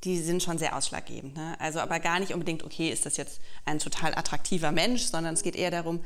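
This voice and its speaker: A woman's voice: low voice, fast talker. A woman of thirty-four, a podcast guest, chatting casually and thinking aloud as she talks. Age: 30s. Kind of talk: casual conversation.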